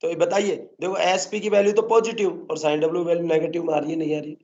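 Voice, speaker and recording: A man's voice: a little high, little pitch movement, fast, darkish tone, lo-fi sound. Coaxing male teacher quizzing a class. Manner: coaxing, keeps asking students to answer. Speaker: botany teacher. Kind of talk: classroom lecture.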